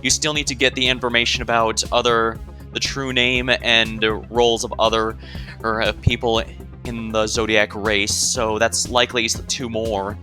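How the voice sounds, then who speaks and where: A man's voice: mid-range voice, flat delivery, normal speed, sharp tone, soft background music. A man commentating on a game he plays, rambling and stumbling over his words as he goes. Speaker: game streamer playing a visual novel. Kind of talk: game commentary and reading dialogue aloud.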